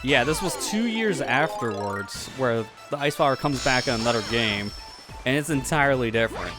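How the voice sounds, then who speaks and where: Man with animated game commentary. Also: mid-range voice, moderate pace, music in the background. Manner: jokey, explains game details. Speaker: let's play commentator.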